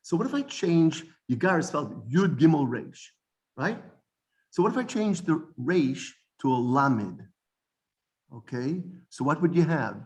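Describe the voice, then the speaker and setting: A man teaching an informal Bible study lesson, animated, often repeating words and restarting sentences. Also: fairly high pitch, a little slow.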